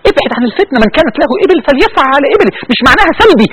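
Egyptian male preacher, very high and lively voice, impassioned and pleading sermon delivery. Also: racing, low-quality recording. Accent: Egyptian Arabic. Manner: impassioned, pleading, voice breaking with emotion.

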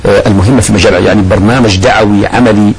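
A man's voice: fairly low pitch, fairly even intonation, rapid-fire, a little mellow, a little hiss or hum, low-quality recording. A man hosting a studio talk show, affirming his guest and steering the conversation. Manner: affirming interjections, leads the conversation. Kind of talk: studio interview.

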